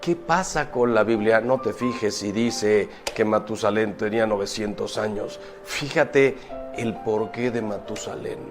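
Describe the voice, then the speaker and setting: A priest preaching, emphatic and full of rhetorical questions, moving from loud exclamations to quiet asides. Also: male voice, on the low side, unhurried, music in the background. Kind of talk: preaching talk.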